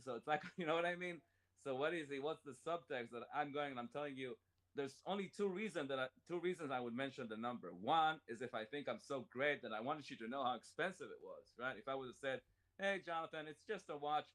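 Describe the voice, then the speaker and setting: A man's voice: medium pitch, fast, fairly bright tone. A man hosting a casual Torah study chat, explaining step by step with jokes and everyday examples, and reading commentary aloud and translating it. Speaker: Torah class host.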